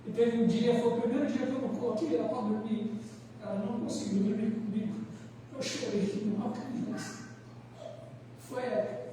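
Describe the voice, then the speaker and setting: A Brazilian man preaching a sermon, telling a personal story in an earnest, animated way with changing volume. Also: extremely high pitch, normal speed. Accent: Brazilian Portuguese. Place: church hall. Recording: echoey church hall, mic far off, faint noise.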